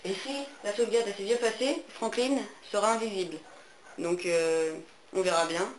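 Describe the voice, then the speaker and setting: A man's voice: sits high, normal speed. Teen guy, hesitant console tutorial, echoey room, faint background hiss. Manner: hesitant, many fillers. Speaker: gaming tutorial maker.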